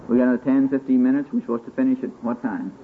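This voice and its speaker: At a church retreat session, a preacher gives a folksy sermon to a seated group, talking rapid-fire in a steady tone. He teaches conversationally through stories and questions to his listeners, sometimes swelling into booming motivational calls. It's an old recording, tinny and band-limited, with hiss.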